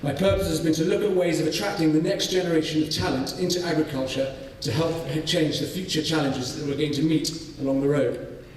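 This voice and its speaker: A man from North Wales, giving a conference presentation on his farming study, measured and full of ums and restarts. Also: fairly high pitch, steady tone, a little hiss or hum. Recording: echoey hall, voice from far off.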